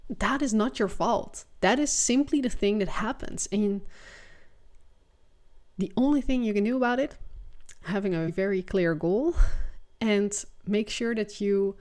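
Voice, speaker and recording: A woman's voice: mid-range voice, darkish tone. Encouraging woman with a Dutch accent. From Netherlands. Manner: earnest, encouraging, thinks aloud with restarts. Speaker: podcast host and business coach. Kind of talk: solo podcast monologue.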